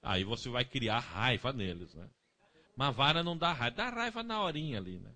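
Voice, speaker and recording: A man's voice: mid-range voice, sing-song, a little fast, pushed and bright. A man preaching a sermon, telling folksy stories with acted quotes and often adding tag questions.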